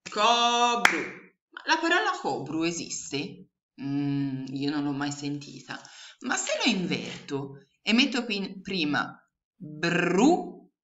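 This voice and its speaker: A woman teaching young children online, slowly and patiently sounding out letters and syllables. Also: deep voice, pushed and bright. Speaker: primary school teacher. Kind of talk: remote lesson for young children. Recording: echoey room, dull lo-fi sound.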